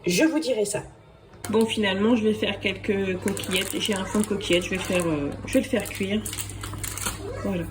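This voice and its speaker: A woman's voice: medium pitch, fairly even intonation, normal speed. French woman, casual cooking vlog, hesitant and chatty, faint background noise. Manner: chatty, hesitant, many fillers. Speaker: home cooking vlogger.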